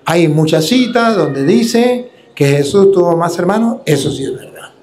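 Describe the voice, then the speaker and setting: A man's voice: sits high, expressive, unhurried, a little mellow, faint music behind. A man who is a priest, preaching a combative, mocking sermon.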